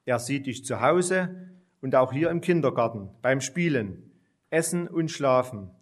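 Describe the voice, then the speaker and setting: A man's voice: medium pitch, measured pace. A man reading as a kind comforting kindergarten teacher. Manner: calm, comforting.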